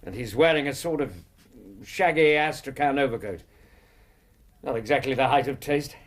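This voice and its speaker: An English actor playing an earnest, decent Victorian doctor in a radio drama, plain-spoken and slightly hesitant. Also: male voice, mid-range voice, normal speed, lightly acted. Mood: observant, bemused. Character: earnest, decent male Victorian doctor, detective's loyal companion. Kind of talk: British radio drama acting.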